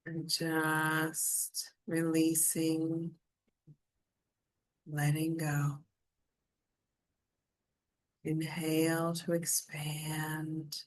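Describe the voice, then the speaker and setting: In a guided meditation, a low-voiced woman speaks at an extremely unhurried pace. Her intonation is steady and fairly flat, and she gently, soothingly invites the listener to follow along.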